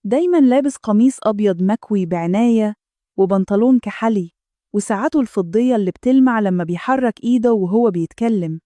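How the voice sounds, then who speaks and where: A woman's voice: medium pitch, quick pace, dark tone, dry recording. A woman with an Egyptian Arabic accent telling a first-person story in scripted narration, in an intimate, confessional way.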